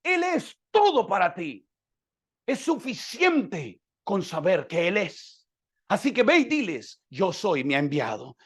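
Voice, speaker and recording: A male pastor with a high voice delivers a sermon. He acts out the dialogue with dramatic swings between hushed and forceful delivery. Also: wildly swooping pitch, slow, husky. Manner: dramatic, acting out dialogue with swings from soft to loud.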